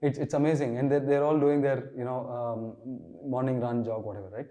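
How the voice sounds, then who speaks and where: A man's voice: medium pitch, steady tone, normal speed, dark tone. A man, a runner being interviewed, answering hesitantly and repeating words as he starts his thoughts. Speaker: guest, runner.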